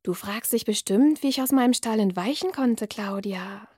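A woman reading from her novel, voicing a sly, sinister night creature in a slow, coaxing, half-whispered hiss. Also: a little high, a little mellow, husky, no echo, studio quality. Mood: menacing.

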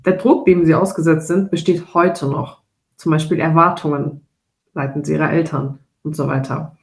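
A woman in her twenties from Germany co-hosting a podcast, speaking in a thoughtful, measured way. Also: deep voice, fairly even intonation, gravelly. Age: 20s. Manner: thoughtful, measured, laughs easily. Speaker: podcast co-host. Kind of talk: casual podcast conversation. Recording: roomy echo.

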